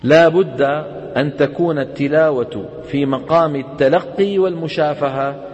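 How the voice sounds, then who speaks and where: A man's voice: a little high, a little mellow, lo-fi sound. Man teaching in a reverberant hall. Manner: quizzes students with quick questions and answers. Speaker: Quran recitation teacher. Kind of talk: classroom lecture on tajweed.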